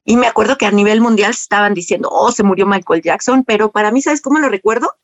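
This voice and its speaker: Animated Mexican woman telling her story. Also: medium pitch, fast, no echo. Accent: Mexican Spanish. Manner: animated storytelling with frequent rhetorical questions. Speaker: speaker sharing personal story. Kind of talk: conversational talk.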